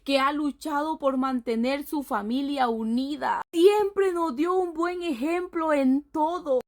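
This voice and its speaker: A woman narrating a dramatic first-person storytime in an emotional way. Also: sits high.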